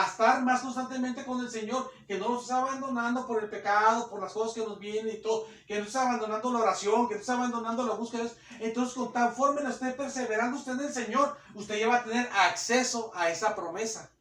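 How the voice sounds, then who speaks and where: Male preacher, high bright voice, echoey distant room, repetitive and conversational. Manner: conversational preaching, repeats phrases, acts out churchgoers' voices. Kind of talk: sermon.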